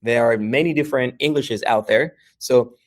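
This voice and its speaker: With a mid-range voice at a moderate pace, a Mexican American-accented language educator from New York talks casually as an interview guest. He often checks in with "right?" between thoughts, uses "uh" frequently, and restarts his sentences.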